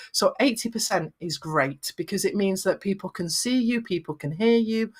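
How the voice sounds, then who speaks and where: A middle-aged woman with a Lancashire accent and very flat vowels, giving encouraging, conversational advice in an interview. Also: medium pitch. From Lancashire, northwest England. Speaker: video confidence coach and podcaster.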